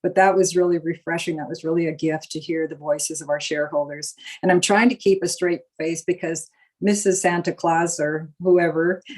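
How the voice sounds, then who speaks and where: A woman's voice: low-pitched, a little mellow, low-quality recording. An older woman from Alaska hosting a live online gathering, speaking casually with many fillers as she shares stories. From Juneau, Alaska. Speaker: board director and panel host. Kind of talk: casual live-stream address.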